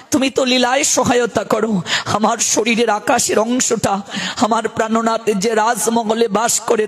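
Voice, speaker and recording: A woman's voice: a little high, husky, heavily acted. A man voicing a grieving young woman who pines for her absent beloved, speaking in a pleading, lamenting way. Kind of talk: devotional storytelling.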